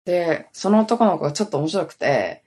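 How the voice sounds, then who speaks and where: Woman podcast host rambling thru a story, kinda husky breathy voice, pitch jumps all over. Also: sing-song, fairly quick, a little mellow. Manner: rambling anecdotal storytelling with many fillers. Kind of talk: casual chat.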